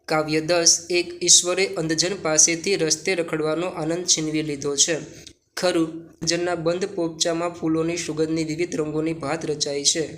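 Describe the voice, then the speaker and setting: Male teacher reading out assignment answers in a steady, monotone delivery, on the high side. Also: normal speed, a little hiss or hum. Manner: steady dictation, question then answer.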